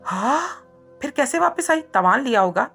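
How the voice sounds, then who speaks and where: A woman voicing an excitable young female friend who asks eager, curious questions in a read-aloud story. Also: mid-range voice, normal speed, creaky, faint music behind.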